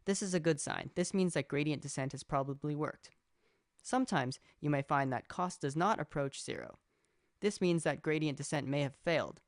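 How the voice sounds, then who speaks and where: A young man from Canada giving a steady, scripted narration that explains code as a student presenter. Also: on the high side, no room sound, studio quality. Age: young adult.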